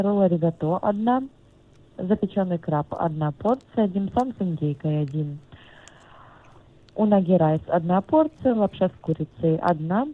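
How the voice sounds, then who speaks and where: Polite woman taking orders over the phone. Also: medium pitch. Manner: polite, patient, reads out menu items. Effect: heard over a phone line. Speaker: restaurant order taker. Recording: tinny phone line.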